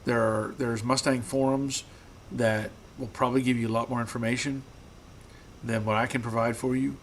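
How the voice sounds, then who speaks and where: Answering comments on a live stream in his garage, the host talks in an easygoing, stop-start way and repeats words. After so much talking his medium-pitched voice has grown rough, and a slight hiss or hum is present.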